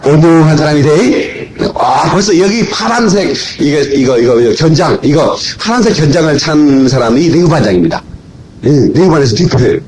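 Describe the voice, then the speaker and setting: A man preaching a lively, humorous sermon as a pastor, shouting his punchlines, recorded on an old cassette in a church full of people. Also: fairly high pitch, normal speed, slight background noise, rough recording. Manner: animated, shouting punchlines, playful asides. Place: church sanctuary. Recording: old cassette tape of a live church service with congregation. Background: congregation laughing and responding.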